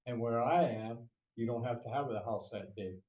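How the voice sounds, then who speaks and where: A man's voice: mid-range voice, normal speed, darkish tone, echoey room, highs cut off. An elderly man in his eighties, a property owner giving rambling, folksy testimony with restarts. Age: 80s. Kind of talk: casual testimony.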